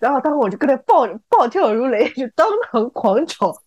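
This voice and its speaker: A married woman co-hosting a podcast, telling stories in casual chat and repeating her words when she gets excited. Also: high voice, brisk, dry recording. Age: adult, married. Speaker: podcast co-host.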